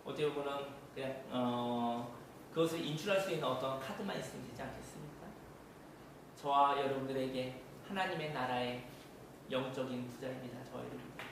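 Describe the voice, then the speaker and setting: A man's voice: mid-range voice, fairly quick, gravelly. A male pastor preaching earnestly, asking rhetorical questions and acting out short quotes. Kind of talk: sermon. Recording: echoey room, voice from a distance, faint hiss.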